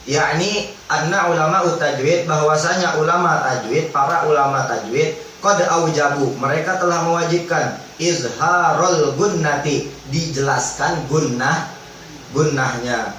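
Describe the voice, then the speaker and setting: A man teaching Quran recitation rules in a religious study lesson, explaining in relaxed everyday speech and chanting drawn-out recited examples. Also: a little high. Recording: echoey hall, distant mic, faint background noise.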